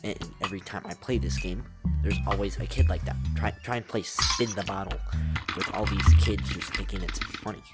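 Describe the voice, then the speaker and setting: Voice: low-pitched, moderate pace, loud music behind the voice. A young adult giving a casual, exasperated rant full of rhetorical questions, slightly muffled as if speaking from inside a rubber mask. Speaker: video creator.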